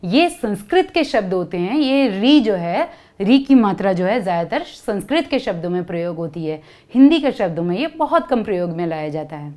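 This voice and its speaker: A woman's voice: mid-range voice, big pitch swings, moderate pace, warm tone. A woman teaching young children, patiently explaining each step and asking them to repeat sounds after her. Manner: call-and-response, asks kids to repeat. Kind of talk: children's lesson.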